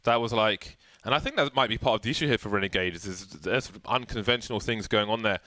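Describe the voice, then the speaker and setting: A man giving live play-by-play commentary on a match, with dry, deadpan banter between excited calls. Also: lowish voice, fast talker, no echo. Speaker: esports commentator. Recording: light background noise with game gunfire.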